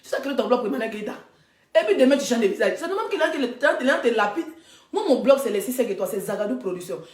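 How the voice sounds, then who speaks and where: A woman blogger in a live social media rant, loud and mocking, often laughing as she talks. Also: a little high, big pitch swings, quick pace, reverberant. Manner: mocking, loud, laughing through her talk. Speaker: blogger and influencer.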